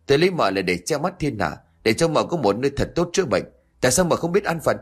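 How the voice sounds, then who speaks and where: A man's voice: medium pitch, big pitch swings, breathy edge, pitched above the performer's own voice. A man voicing a cold, stern young master. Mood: scolding. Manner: stern, scolding, quick.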